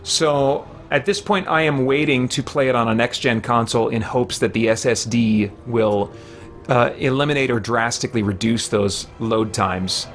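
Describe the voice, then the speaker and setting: A middle-aged man livestreams video games from a small room at home, chatting casually and unscripted as he thinks aloud. His mid-range voice is a bit bright and moves at a moderate pace, with faint music behind it.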